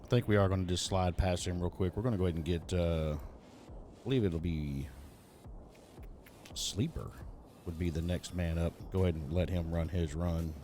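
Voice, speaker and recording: A man's voice: low-pitched, moderate pace, pauses often, dark tone, slight background noise. A man, hosting and commentating a live esports racing event in a casual, joking way. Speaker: race event host and commentator.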